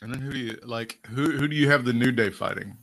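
A man's voice: mid-range voice, fast. A man co-hosting a podcast, chatting casually about wrestling with frequent laughs and swearing. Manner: animated, swearing, laughing often. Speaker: podcast co-host.

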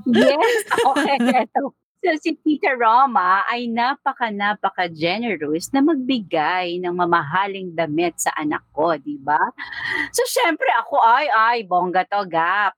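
Woman, casual chat, animated storytelling, Taglish, dry close sound. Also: mid-range voice, measured pace, no echo. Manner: lively storytelling, mixing Tagalog and English.

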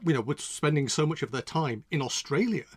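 A man's voice: a little high, brisk, husky, no echo, studio quality. A man chatting casually about old television comedy, rambling and restarting his sentences. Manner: rambling, self-interrupting, chatty.

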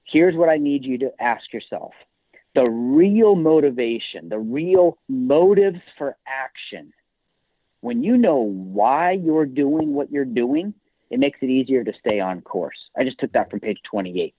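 A man's voice: medium pitch, animated, unhurried, dry recording. A male author talking as a podcast guest, telling stories in an emphatic motivational-speaker way, heard over a tinny, phone-like line. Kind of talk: podcast interview.

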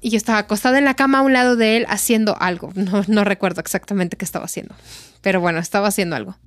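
A young woman with a Mexican accent co-hosting a casual Spanish lesson podcast, telling animated stories. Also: racing, no room sound, clean studio sound, soft background music. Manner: animated storytelling, acts out quotes in a high voice. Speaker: podcast co-host and Spanish tutor.

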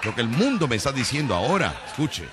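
A man's voice: mid-range voice, very animated, quick pace, very noisy. A man with a Mexican accent, hosting a comedic radio show with mock-dramatic, playful banter and frequent laughter. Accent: Mexican Spanish.

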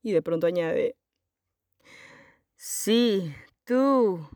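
A young woman playing an excitable fan who rambles, shrieks, swears and breaks into song in an audio story. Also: mid-range voice, very slow, no echo, clean studio sound. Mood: giddy fan rambling.

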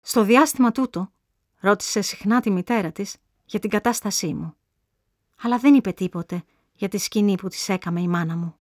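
A woman narrating a classic novel in a measured, even storytelling voice. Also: medium pitch, no echo, studio quality. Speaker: audiobook reader. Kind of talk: literary audiobook narration.

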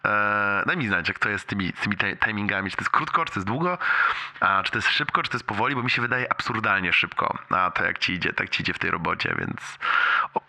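A young man leaving a casual, rambling voicemail for a friend, slangy with bits of English mixed in, halting and repeating himself. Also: lowish voice, expressive, vocal fry, pushed and bright. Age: young adult.

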